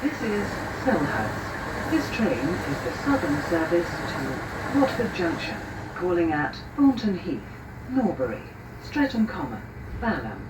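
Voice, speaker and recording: A woman's recorded voice reading out station calls as an automated train announcer, with the words and station names spliced together. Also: on the low side. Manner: measured, even announcement delivery. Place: inside a moving train carriage. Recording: dull, echoey train loudspeaker from a distance. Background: train noise.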